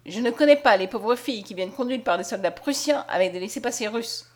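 A woman voicing a gruff, stubborn male soldier who rudely refuses entry, in an audiobook. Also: fairly high pitch, animated, fast talker. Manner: curt, rude. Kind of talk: audiobook character voice.

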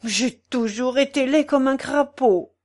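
A weary old bachelor, sick in bed and despairing, as a woman reader puts him on. His words come slowly, mournful and plaintive, in a lively rise and fall. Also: sits high, pitched above the performer's own voice.

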